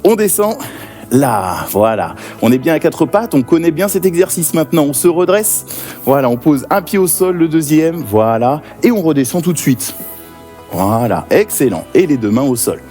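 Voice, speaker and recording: A man leading a guided workout class, giving energetic, encouraging cues and counts. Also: a little high, moderate pace, faint music behind. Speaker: fitness coach.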